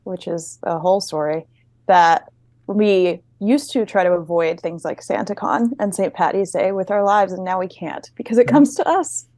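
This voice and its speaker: A woman's voice: lowish voice, moderate pace, darkish tone, no room sound. Playful woman hosting in a dry room. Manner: upbeat, playful, laughs easily. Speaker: host, co-founder. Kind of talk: casual interview hosting.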